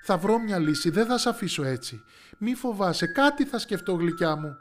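A man's voice: fairly high pitch, faint music behind, close to an everyday voice. A man voicing a brave, bossy young princess in rags from a fairy tale, speaking firmly. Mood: soothing. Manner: firm, commanding speech.

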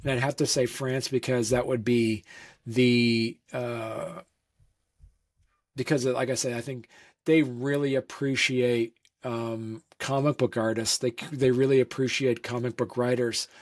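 A man's voice: medium pitch, level tone, a little slow. A man from Vermont, a comic creator, answering interview questions in a rambling casual way, with many fillers and restarts.

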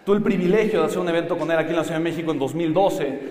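A Mexican man gives an upbeat live talk from the stage, his voice set high and full of jokes. He keeps repeating words as he pulls the crowd in. The sound rings with the long reverb of a big hall, caught from off the mic. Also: very fast. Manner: energetic and joking, repeats words, talks straight to the crowd. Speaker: conference speaker. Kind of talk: live motivational talk to an audience. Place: large hall with a live audience. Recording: echoey hall, voice heard from off the mic.

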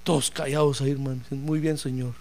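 A man preaching a sermon in an animated, joking way, acting out voices as he tells the story. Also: medium pitch, fairly quick, vocal fry.

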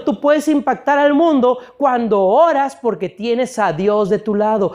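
A man's voice: high-pitched, dark tone. A male pastor preaching a sermon to his congregation, calling them brothers, at times pleading and crying out. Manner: preaching with rising, pleading intensity, addressing listeners as brothers.

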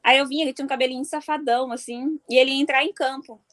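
A woman from do Sul, casually telling a personal story in an animated way and laughing often. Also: sits high, racing. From Mato Grosso do Sul, Brazil. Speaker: football fan.

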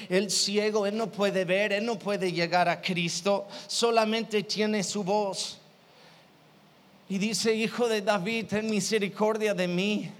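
A man's voice: high-pitched, a bit bright. A man preaching a sermon in a church hall as pastor, emphatic and repetitive as he retells stories. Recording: long hall reverb.

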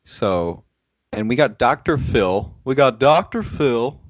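A man's voice: mid-range voice, animated, slow pace, no room sound, lo-fi sound. A man hosting a casual podcast chat, playful and teasing, recorded over a video call. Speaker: podcast host.

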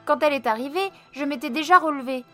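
A woman voicing a remorseful little girl who talks haltingly, on the verge of tears. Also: sits high, a bit bright, faint music behind, pitched above the performer's own voice. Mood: upset. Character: young girl, remorseful, tearful.

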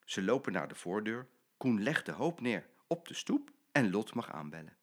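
An older man, a grandfather, reading a children's story aloud in an animated storytelling way. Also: fairly low pitch, moderate pace.

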